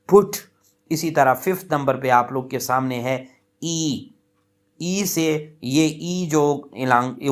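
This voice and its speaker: Slow, patient male language teacher. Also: mid-range voice, fairly bright tone. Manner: slow, repetitive explaining with many fillers; drawn-out example words. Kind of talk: lecture on English pronunciation.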